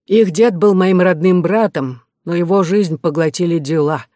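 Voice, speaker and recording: A man reading the part of a lonely, humorous old widowed uncle in an audiobook, in a reminiscing, gently teasing manner. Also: high-pitched, moderate pace, no echo, studio quality, lightly acted.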